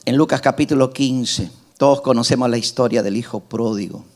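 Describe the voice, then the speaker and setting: A middle-aged man preaching a sermon as pastor, emphatic, rising to loud climaxes and dropping to soft asides. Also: mid-range voice, fairly quick.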